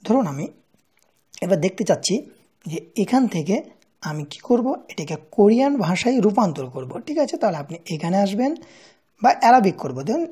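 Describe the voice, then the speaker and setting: Dark, husky woman explaining step by step. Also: mid-range voice. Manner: step-by-step, checks in with rhetorical questions. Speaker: tutorial host. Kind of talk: screen-recorded app tutorial.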